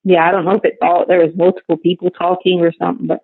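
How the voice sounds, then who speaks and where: A woman's voice: lowish voice, flat delivery, quick pace, gravelly, no echo. A woman chatting casually and colloquially over a prison phone, as an inmate on a personal call. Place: jail phone. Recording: tinny band-limited prison phone line.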